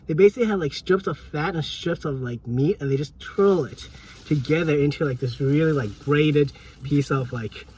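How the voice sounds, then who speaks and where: A man's voice: on the high side, moderate pace, a little mellow, husky. A man co-hosting a casual podcast chat, rambling with lots of filler words and talking while he chews. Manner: talks while chewing. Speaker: podcast co-host.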